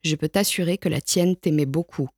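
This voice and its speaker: A calm, wise old tomcat who watches over the dead speaks in a soft, patient, reassuring way, put on by a woman reading the storybook. His voice sits fairly low and the sound is close and dry. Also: fairly quick, breathy edge, no room sound. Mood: gentle. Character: wise old male graveyard cat, gentle and calm.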